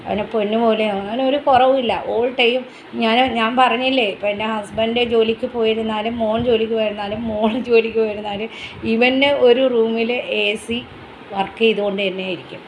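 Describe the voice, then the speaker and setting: A woman's voice: on the high side, steady tone, a little fast, slight background noise, low-quality recording. A middle-aged woman chatting casually to her viewers as a pet vlogger, rambling and restarting as she goes.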